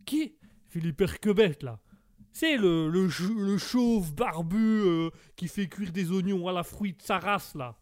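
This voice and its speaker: A man's voice: high voice, expressive, measured pace, dry recording, studio quality, pitched above the performer's own voice. A man voicing a dim, quarrelsome young slacker who talks in slangy, slurred phrases full of fillers, in a comedy sketch. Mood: scornful. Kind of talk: comedy sketch, one performer doing two voices.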